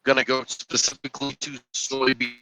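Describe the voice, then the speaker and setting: A man's voice: medium pitch, monotone, brisk, pushed and bright, poor audio. A man in casual, profane chat, trailing off mid-sentence, heard over garbled, glitchy internet call audio while outdoors climbing a mountain. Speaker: guest on a stream.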